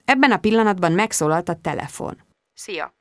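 Woman reading an audiobook, lively expressive voice, dry close mic. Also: medium pitch, no room sound. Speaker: audiobook reader. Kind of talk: first-person audiobook narration.

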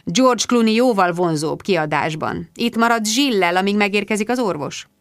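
A calm, kindly man, as a woman reader voices him, speaking in a steady, soothing way. The sound is close and dry. His lines are read in the reader's own everyday voice in an audiobook. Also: medium pitch, no room sound, natural voice. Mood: reassuring. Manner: reassuring.

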